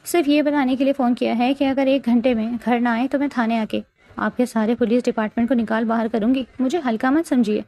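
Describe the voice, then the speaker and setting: A woman's voice: fairly high pitch, fairly even intonation, mellow, close to an everyday voice. A woman voicing a young heroine who is emotional and pleading in a romance novel reading. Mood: angry.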